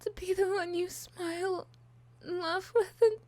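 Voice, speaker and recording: A woman voicing a possessive, obsessive young monster girl in love, an unhinged, clingy villainess, in an ASMR role-play with breathy hushed stretches. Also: on the high side, steady tone, slow, no echo. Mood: tearful, desperate.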